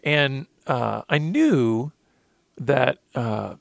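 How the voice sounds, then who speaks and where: A man's voice: mid-range voice, lively intonation, extremely slow, vocal fry, no room sound. A man in his thirties co-hosting a faith-based talk, earnestly telling his recovery story and quoting scripture with emotion. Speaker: podcast co-host sharing recovery testimony.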